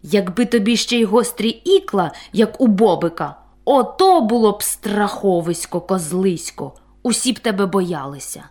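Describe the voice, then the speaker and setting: A woman voicing a cheeky, bossy male kitten in a storybook tale, with a sharp, scolding manner. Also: mid-range voice, big pitch swings, normal speed.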